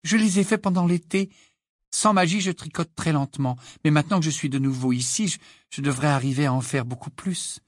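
Man doing a fierce, high-pitched teenage witch. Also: brisk, no room sound, studio quality, close to an everyday voice. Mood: curt. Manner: sharp and determined.

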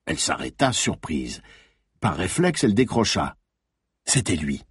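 A man narrating a thriller audiobook in an expressive, dramatic reading. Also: sits low, unhurried, breathy edge, no room sound, clean studio sound.

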